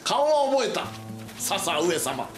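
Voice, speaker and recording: A man co-commenting on a video game in loud, stylized comic archaic retainer speech with theatrical, drawn-out exclamations. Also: high voice, big pitch swings. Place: indoor room, on camera. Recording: roomy echo, loud game music behind.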